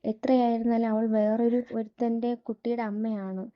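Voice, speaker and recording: Woman voicing a reproachful middle-aged mother; flat, slightly high, dull sound. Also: moderate pace, close to an everyday voice.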